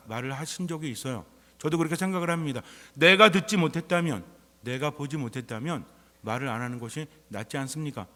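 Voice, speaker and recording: A priest delivers a homily in a slightly high-pitched voice, talking to his congregation as if in conversation and asking question after question. His voice rings out with a long reverb in the church. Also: a bit bright. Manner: conversational preaching full of rhetorical questions. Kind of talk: sermon.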